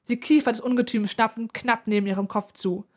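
A woman narrating a children's adventure story aloud in an even, expressive way. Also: a little high, brisk. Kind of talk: storybook reading.

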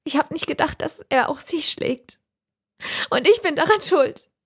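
A woman reading an audiobook and voicing a worn-out, troubled young mother who speaks tiredly and quietly. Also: sits high, animated, unhurried, pitched above the performer's own voice. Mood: tearful. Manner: tired, quiet, breaks into tears.

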